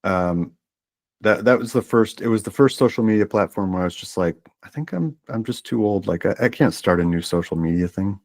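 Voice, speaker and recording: A man, probably in his thirties, co-hosting a podcast, chatting in a relaxed, wry and reflective way. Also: lowish voice, a little fast. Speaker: podcast co-host. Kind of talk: casual chat.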